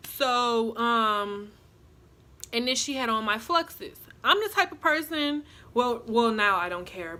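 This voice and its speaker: Young woman, higher voice, bright and forceful, chatty storyteller. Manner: chatty, animated storytelling with asides to viewers. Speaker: vlogger. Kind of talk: casual storytime.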